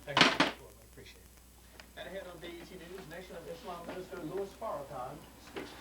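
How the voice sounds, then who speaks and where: A man's voice: sits high, reverberant, far from the mic, very noisy. A man reading TV news as anchor, heard as a broadcast recorded onto an old VHS tape. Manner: brisk newsreader delivery. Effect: TV broadcast taped on old VHS.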